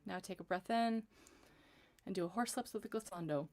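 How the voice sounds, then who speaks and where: Woman vocal coach running a live warm-up, mid-pitched and easygoing, with a lot of ums and gentle encouragement. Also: brisk, heavy background noise. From Los Angeles, USA. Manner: chatty and encouraging, many ums. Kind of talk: livestream vocal warm-up lesson.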